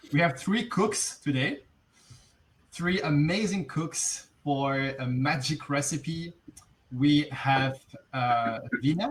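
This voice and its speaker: Belgian-accented man hosting a webinar. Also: medium pitch. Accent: Belgian French. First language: French. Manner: friendly, laughs often, many fillers and restarts. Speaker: webinar host. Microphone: video call.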